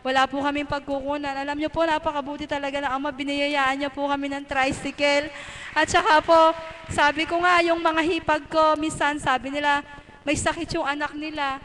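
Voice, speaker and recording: A woman's voice: sits high, flat delivery, moderate pace, fairly bright tone. A middle-aged woman giving an earnest, polite religious testimony at a church gathering, quoting her own prayers aloud.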